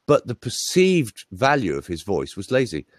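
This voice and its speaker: A voice coach, a man with a lowish voice, tells lively anecdotes at a moderate pace during a casual interview over a video call. The sound is clean and studio-like, with no echo.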